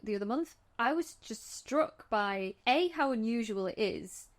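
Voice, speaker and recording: A woman's voice: a little high, lively intonation, a little slow. Chatty woman recapping a film. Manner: chatty, restarts often, vivid retelling. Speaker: podcast co-host. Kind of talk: casual film discussion.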